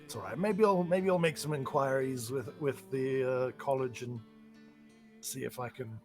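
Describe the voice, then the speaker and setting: Medium-pitched man over faint music. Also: normal speed. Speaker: tabletop game player. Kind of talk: casual game chat.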